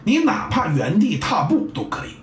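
Animated blunt man. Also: sits high, moderate pace, a little hiss or hum. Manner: blunt and salty, acts out sounds and scenes. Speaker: football coach and commentator. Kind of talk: casual monologue. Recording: roomy, distant mic, faint ambience.

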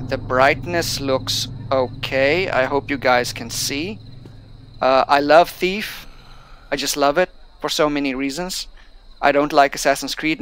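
A young man who isn't a native English speaker streams a casual let's-play, reading the on-screen tutorial text aloud and then chatting as he plays. His mid-range voice is clear and resonant with a fairly bright tone, and there's no room sound.

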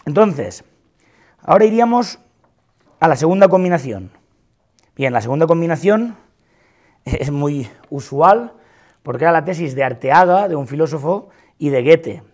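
A man's voice: fairly high pitch, expressive, moderate pace, pauses often, a little mellow. A man giving a university lecture on philosophy of music, arguing emphatically and repeating words for stress. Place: large lecture hall.

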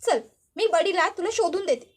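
Woman doing a sugary, domineering grandmother, very high voice. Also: expressive, moderate pace. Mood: coaxing. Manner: bossy, falsely sweet. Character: scheming older mother-in-law, grandmother. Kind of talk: storytelling voice acting.

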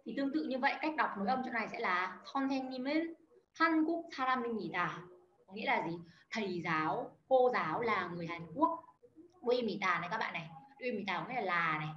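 A woman teaches a beginner language class over a video call, explaining step by step and calling on students by name. She has a medium-pitched, slightly bright voice with lively intonation and talks fast, though the audio is echoey, dull, lo-fi, and faintly noisy.

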